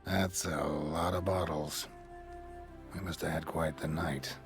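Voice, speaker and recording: An actor voicing a gruff, dry-witted male monster hunter in a video game, terse and deadpan. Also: rumbling low, takes it slowly, faint music behind.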